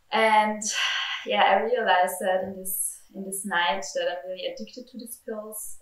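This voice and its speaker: An Austrian woman attending a retreat speaks hesitantly in a candid interview, using many fillers as she looks for words. Her voice is medium-pitched and a bit bright, picked up by a distant mic in a roomy space.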